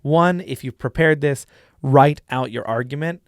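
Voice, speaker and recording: A man's voice: mid-range voice, a little slow, no room sound. A young man hosting a casual tutorial, chatty and demonstrative with lots of fillers. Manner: chatty, demonstrative, lots of likes and you-knows. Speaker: YouTube host and dungeon master.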